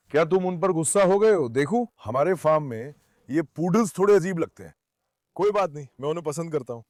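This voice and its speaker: A man vlogging on his farm with a clip-on mic, calming his dogs with soft commands and chatting to viewers. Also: on the high side, no echo. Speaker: farm dog keeper and channel host. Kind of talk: casual vlog talk to camera and dogs. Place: outdoors on a farm.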